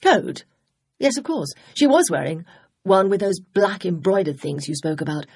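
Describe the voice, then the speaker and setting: A woman reading an audiobook, voicing an easygoing young gentleman who sounds relaxed and good-natured. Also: medium pitch, normal speed, slightly rough, no echo, studio quality. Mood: eager.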